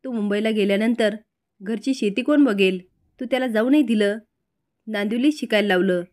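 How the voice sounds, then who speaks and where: A woman's voice: mid-range voice, brisk, a little mellow, natural voice. A woman voicing an angry middle-aged village mother who scolds and accuses her brother. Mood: scolding.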